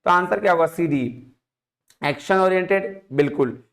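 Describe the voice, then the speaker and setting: In an exam prep lesson, a man works through quiz questions, reading the English question text slowly and explaining in quick asides. His voice sits high and a bit bright, and he coaxes the students, repeatedly asking them to tell him the answer.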